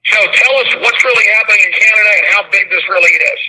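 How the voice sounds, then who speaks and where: A man's voice: sits high, fast talker, sharp tone, husky, rough recording. A man hosting a talk radio show, interviewing and commenting in an emphatic, urgent manner.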